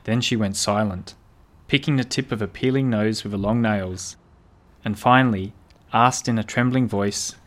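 A man narrating an audiobook in a measured, storytelling manner. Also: on the low side, fairly bright tone. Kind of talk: scripted narration. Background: faint piano music.

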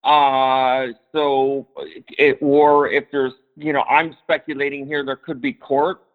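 A man's voice: mid-range voice, level tone, takes it slowly. A man calling in over a choppy phone line, chatting casually, rambling and hedging with the odd swear word. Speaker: caller. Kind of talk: casual call-in chat.

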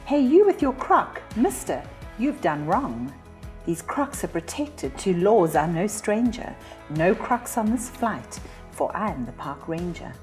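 Lady doing a stern park ranger in a storybook poem, clear strong voice, commanding, swoops around a lot. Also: on the low side, big pitch swings, slow pace, darkish tone, soft background music. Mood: scolding. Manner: commanding, scolding.

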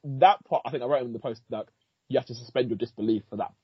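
A man co-hosting a podcast, giving a casual film review, animated, swearing freely and laughing often. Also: mid-range voice, fast, slightly rough, dull audio. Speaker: podcast co-host, film critic.

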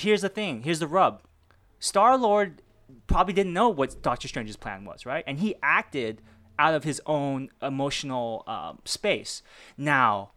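A man's voice: fairly high pitch, fairly bright tone. A young man arguing his side of a film debate in a casual, rambling way, swearing freely and acting out his reactions. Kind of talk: animated casual debate talk.

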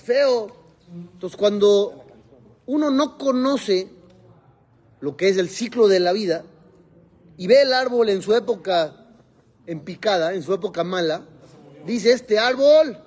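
Husky-voiced rabbi teaching. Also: male voice, high voice, animated, unhurried, long pauses. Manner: asks rhetorical questions and answers them himself; mixes Hebrew verses into Spanish teaching. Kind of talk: Torah lesson to a class.

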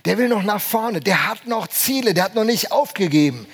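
A man's voice: high-pitched, lively intonation, normal speed, husky. A man in his fifties, a pastor preaching a sermon with emphasis and often putting questions to the congregation.

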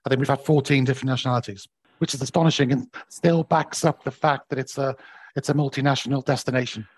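A man speaks with a croaky, hoarse voice that is still recovering from bruised vocal cords. He explains things conversationally, a little haltingly, as an executive in an interview. The sound is dry and close, with little room on it. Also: medium pitch, fairly even intonation, dry recording. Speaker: property company managing director, interviewee. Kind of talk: conversational market update interview.

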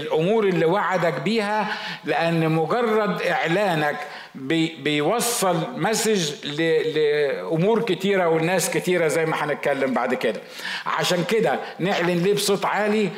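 A man's voice: high voice, roomy sound. A man with an Egyptian Arabic accent preaching a sermon as pastor, talking conversationally and acting out the objections of his listeners.

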